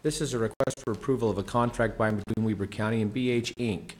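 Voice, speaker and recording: A man chairing a county commission meeting, speaking in a procedural, halting manner. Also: lowish voice, steady tone.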